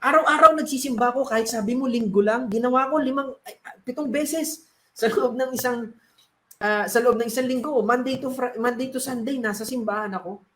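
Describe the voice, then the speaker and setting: A stubborn man who prays desperately and snaps at anyone who tries to help, as a man acts him out. He pleads and then turns indignant. The voice sits high and sounds roomy, with a noticeable echo. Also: normal speed, natural voice. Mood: complaining. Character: desperate praying man, stubborn, grows irritable.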